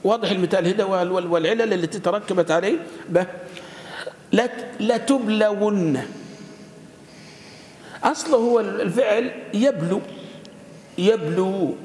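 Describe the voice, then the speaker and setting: A high-pitched man teaches a grammar class. He drills each word form by repeating it slowly and quizzing the room. His voice rings through a long, reverberant hall with a faint hum of ambient noise. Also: darkish tone. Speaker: sheikh teaching Arabic grammar. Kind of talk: classroom grammar lesson with student call-and-response. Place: lecture hall with students.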